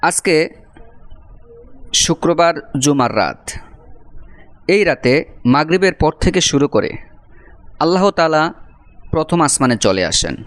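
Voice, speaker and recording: A man with a slightly high voice teaches a prayer in a religious lesson. He recites each phrase slowly, breaking it apart, then explains what it means. His delivery is patient and instructive. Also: animated. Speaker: Quran teacher.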